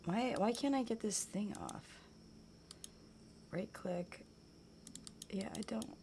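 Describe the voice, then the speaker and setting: A woman chatting casually while she plays a game, rambling on and trailing off into quiet mutters as she focuses. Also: medium pitch, takes it slowly, a little hiss or hum. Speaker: game streamer.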